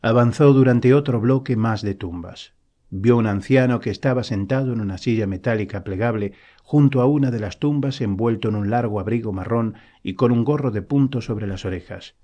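A man narrates a novel as an audiobook reader, telling the story in a calm, even way. His voice is medium in pitch and his pace is normal.

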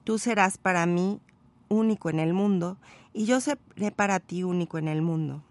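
A woman voicing a wistful, patient male fox, explaining calmly while reading a story aloud. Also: fairly low pitch, normal speed, no room sound, close to an everyday voice. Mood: earnest.

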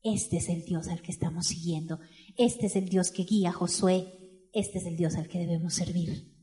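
A woman preaching a sermon in church, telling a story and asking the congregation questions, moving between hushed and loud passages. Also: on the low side, steady tone, moderate pace.

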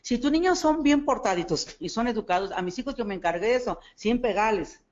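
A woman with a Mexican Spanish accent giving a motivational talk on network marketing, animated and acting out dialogue as she tells stories. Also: fairly high pitch, brisk. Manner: animated storytelling, acts out dialogue, asks listeners for agreement. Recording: dull lo-fi recording.

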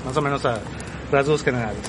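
A man's voice: medium pitch, quick pace. A man with a Mexican accent explaining things informally and meanderingly as a podcast panelist. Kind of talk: casual film synopsis in conversation. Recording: noisy outdoor city ambience.

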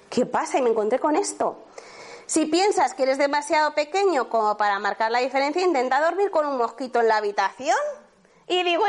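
High-voiced woman leading a workshop. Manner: lively, chatty, asks the audience many questions. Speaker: laughter therapy workshop leader. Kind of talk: live workshop talk to an audience. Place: room with a live audience.

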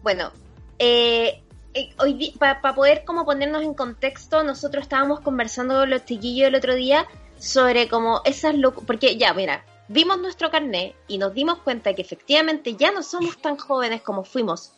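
A woman's voice: sits high, normal speed, a bit bright, faint music behind. A young woman with a Chilean accent, chatting casually as a podcast co-host. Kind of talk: casual chat. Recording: dull lo-fi audio.

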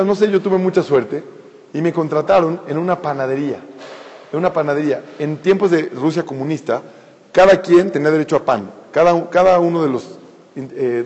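A man tells a sermon story in a somewhat high voice, animated and talking straight to his listeners. The sound is dull and lo-fi, with a long reverb from the hall.

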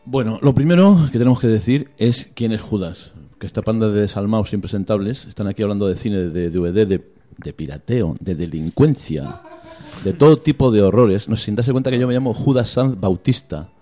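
Speaking fairly quickly, a middle-aged radio guest uses a lowish voice with a dark tone. His talk is playful and gossipy, full of teasing and false starts as he jokes along.

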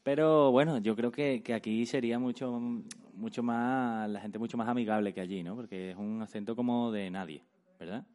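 A man co-hosting a casual comedic chat, with dry, deadpan quips. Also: medium pitch, normal speed.

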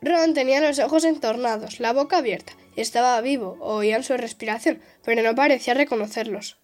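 Brief: female reader, high voice, steady and careful storybook reading. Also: fairly quick, faint music behind. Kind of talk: reading a novel aloud.

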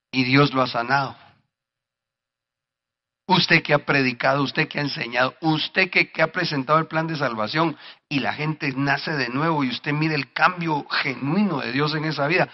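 A male pastor preaching a sermon, speaking directly to the congregation and rising to shouts at his peaks. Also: fairly high pitch, muffled recording.

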